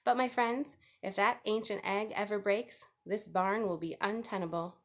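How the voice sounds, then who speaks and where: A wise storybook spider, as a woman reader plays her, female, gracious and eloquent. She speaks formally, in measured, carefully worded sentences. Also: mid-range voice, fairly even intonation, close to an everyday voice. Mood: assured.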